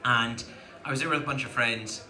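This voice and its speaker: A Scottish man hosts a panel, chatting to an audience with casual anecdotes in a wry, digressive, emphatic style. His medium-pitched voice is sharp, with fairly even intonation at normal speed, heard through an echoey convention hall PA.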